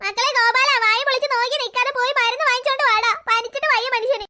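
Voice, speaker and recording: A fussy old grandmother scolds and coaxes a child toward bed, voiced by a cartoon voice actor. Her voice sits very high and bright, and she talks in a quick, nagging rush. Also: fairly even intonation, full character voice. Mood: whining. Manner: nagging, coaxing a child to sleep. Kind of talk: cartoon voice acting.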